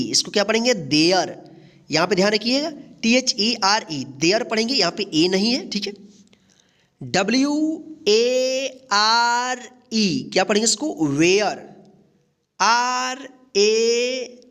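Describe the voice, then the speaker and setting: A teacher giving a reading lesson, who spells each word letter by letter, asks how to read it, then answers with a lower-pitched word. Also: fairly bright tone. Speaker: English teacher.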